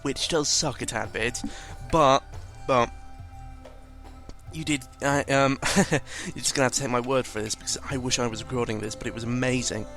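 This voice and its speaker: Soft music plays behind this man's loose, informal game commentary, which wanders, includes swearing, and often doubles back to fix what he just said. He's a gaming video commentator with a mid-range, fairly bright voice, mostly level intonation, and a moderate pace.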